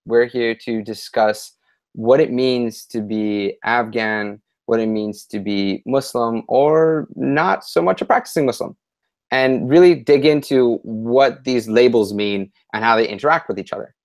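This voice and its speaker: A man's voice: mid-range voice, measured pace. A young man in his twenties hosting an online panel discussion, speaking with many fillers and restarts.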